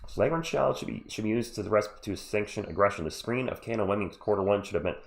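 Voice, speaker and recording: Fast-talking and gravelly, with a lowish voice, this man is streaming live play-by-play while sick with a cold. He keeps it casual, mixing sports commentary with jokey chat aimed at his viewers.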